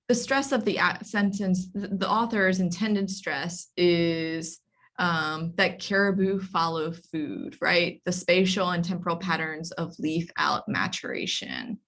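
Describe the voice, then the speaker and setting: Slow, careful woman teaching a workshop. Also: on the low side, a bit bright. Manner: explains step by step, many ums and restarts. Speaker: library workshop instructor. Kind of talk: online workshop lecture. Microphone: video call.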